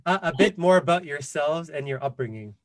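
A man's voice: fairly high pitch, lively intonation, brisk, no echo. Dry-sounding male podcast host. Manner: friendly, loose, with filler words. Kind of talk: podcast interview chat.

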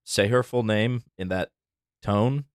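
Man, very low voice, dry close sound, casual podcast chat, reflective. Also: slow, no echo. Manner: reflective, earnest, many "like" and "right?".

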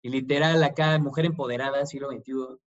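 A man with a Mexican accent, co-hosting a casual film chat in a relaxed, slangy way, swearing often. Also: medium pitch, quick pace. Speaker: podcast co-host. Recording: dull lo-fi sound.

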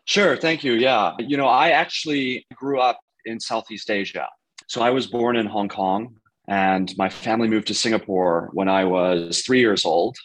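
Hesitant man in his thirties, low voice. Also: normal speed, a bit bright, poor audio. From United States. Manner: hesitant, many fillers like "you know" and "like". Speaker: podcast guest. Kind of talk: casual interview answers.

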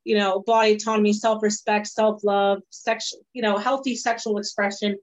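A woman's voice: medium pitch, flat delivery, normal speed. A woman host in casual conversation, talking frankly and with animation. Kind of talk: casual podcast chat. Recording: dull lo-fi sound.

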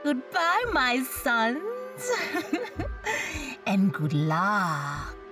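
A woman's voice: high voice, very animated, very slow, far from the mic, over music, pitched above the performer's own voice, full character voice. A woman voicing a fussing, affectionate mother pig in a storybook tale, sing-song and cautioning. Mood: motherly, cautioning. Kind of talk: storybook narration.

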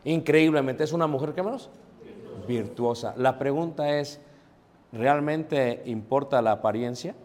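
A man with a Mexican accent preaching a sermon, conversational and lively, often asking the congregation questions. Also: medium pitch, a little slow. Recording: long hall reverb.

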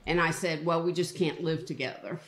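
A woman divorce coach hosting a podcast interview, supportive and quick with short affirmations. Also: deep voice, steady tone, roomy sound.

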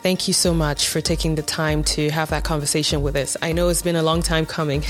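A woman's voice: sits low, little pitch movement, fairly quick, faint music behind. A woman hosting an interview, effusive and encouraging toward her guest. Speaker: interview host. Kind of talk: casual interview.

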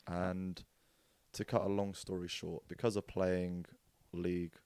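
A young Englishman talks through his rugby years as a podcast guest, lively and joking. His voice sits a little low. It is recorded dry and close, with no room sound. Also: a little slow, smooth, no echo. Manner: animated storyteller, acts out quotes with jokes and laughs. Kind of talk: casual storytelling chat.

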